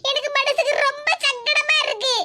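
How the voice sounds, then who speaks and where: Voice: extremely high pitch, fairly even intonation, normal speed. A performer voicing a cheeky, greedy young daughter in a cartoon, with a Tirunelveli Tamil accent and a teasing, coaxing way of talking. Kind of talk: cartoon voice acting. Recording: loud background noise.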